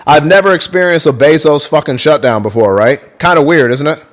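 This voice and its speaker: He has a higher-pitched voice and talks fairly quickly while hosting a livestream. Reading book excerpts aloud, he swears loosely and keeps interrupting himself to thank people in chat.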